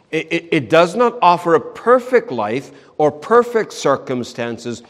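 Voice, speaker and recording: A man preaching a sermon with a slightly raised pitch. He talks earnestly, slows down on key phrases and repeats words to press them home. His voice carries a long reverb, as in a hall. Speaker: pastor.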